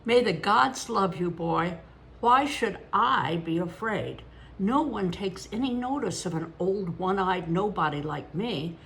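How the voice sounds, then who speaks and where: A woman in her older years reading aloud as a good-natured one-eyed old man with a high-pitched cackle, in an emphatic, amused manner. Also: animated, a little slow, vocal fry, a bit bright, slight background noise, exaggerated voice.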